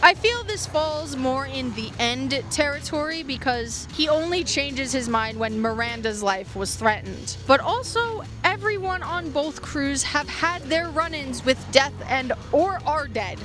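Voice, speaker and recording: Her voice is high and expressive, a little slow, with hardly any pauses. She's a woman presenting a scripted video essay on fiction podcasts, punctuated by casual asides and dramatic emphasis on key phrases, over background music.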